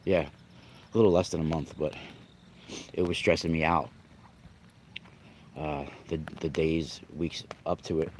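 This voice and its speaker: Speaking a little slowly with frequent pauses, a young adult man with a cold hosts a livestream as a spiritual reader, coughing, slightly nasal, rambling, restarting repeatedly and welcoming chat viewers. His rumbling low voice keeps a steady tone, with a little hiss or hum in the recording.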